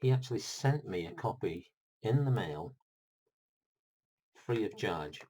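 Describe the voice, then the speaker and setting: A man's voice: lowish voice, lively intonation, measured pace, warm tone, poor audio. A middle-aged man, unboxing a board game in a rambling, chatty vlog full of asides. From United Kingdom.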